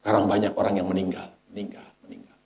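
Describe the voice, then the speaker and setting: A male preacher giving a sermon, emphatic and repetitive, swinging between quiet and raised delivery. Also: deep voice, level tone, quick pace, creaky. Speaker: Islamic preacher. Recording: echoey hall.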